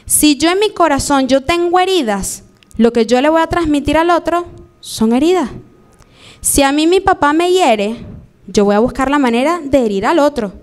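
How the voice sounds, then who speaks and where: A young Venezuelan woman preaching a live sermon in a church, lively and acting out the voices she quotes. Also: sits high, normal speed.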